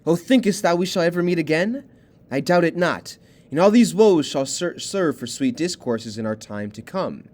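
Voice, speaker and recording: A lovestruck young nobleman bidding farewell in old verse, read aloud by a man. The delivery is plain, with a fairly high, lively pitch. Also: normal speed, close to an everyday voice. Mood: parting.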